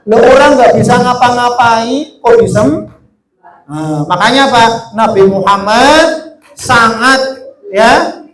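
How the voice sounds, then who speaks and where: A man's voice: extremely high pitch, animated, slow, pauses often, fairly bright tone. A man, a religious teacher giving a lesson to children and keeping them engaged with call-and-response questions. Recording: echoey room.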